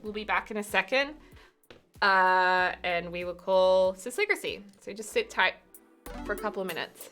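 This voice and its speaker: A woman's voice: mid-range voice, moderate pace, fairly bright tone, soft background music. A woman chatting casually and playfully as she live-streams a building game. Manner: playful, chatty, slips in and out of put-on accents.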